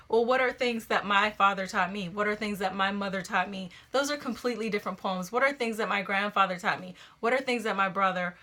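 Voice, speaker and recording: A woman gives a relaxed, unscripted poetry lesson with a bright, clear edge to her voice. She talks in a lively way, jumping up in pitch when something excites her and restarting phrases as she thinks aloud. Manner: animated, conversational, with frequent restarts. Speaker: poetry teacher. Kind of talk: casual spoken lecture on poetry.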